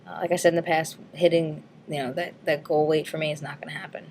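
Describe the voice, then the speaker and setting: A woman vlogger talks through her week in a loose, rambling way. She is frank and casual, with plenty of ums and likes and the odd swear word. Her voice sits a little on the low side. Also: flat delivery, quick pace, a little mellow, slight background noise. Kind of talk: casual weight-loss update vlog.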